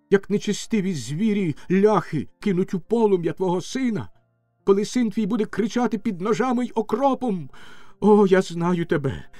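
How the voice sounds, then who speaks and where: A man's voice: sits high, mellow, dry recording, pitched above the performer's own voice. A man voicing a desperate young Cossack wife who pleads through tearful outcries.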